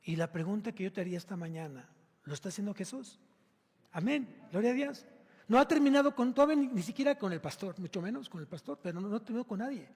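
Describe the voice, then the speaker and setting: Fast-talking and high-voiced, a male pastor with a Mexican Spanish accent preaches with lively intonation and a big-room sound. In the church sanctuary he directly questions his congregation, his emphatic sermon swelling into loud exclamations.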